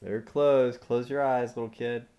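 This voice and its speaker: Recorded as amateur home video with a lo-fi, mellow quality, a dad talks casually to children during his kid's puppet show. His pitch is medium and his intonation fairly even, at a measured pace, as he playfully encourages them and prompts them with questions.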